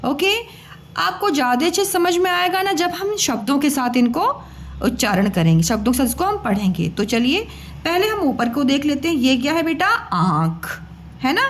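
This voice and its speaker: Lively high-voiced woman teaching children. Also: slight background noise. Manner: patient, coaxing, calls listeners beta and bachche, repeats sounds slowly. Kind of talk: Hindi lesson for children.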